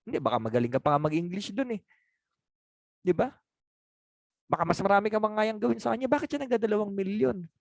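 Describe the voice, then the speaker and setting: Male sales trainer, slightly high voice, dry close sound, chatty and questioning. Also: expressive, a little fast, creaky, long pauses, no echo. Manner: conversational, laughs often, asks for agreement. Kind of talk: training talk answering objections.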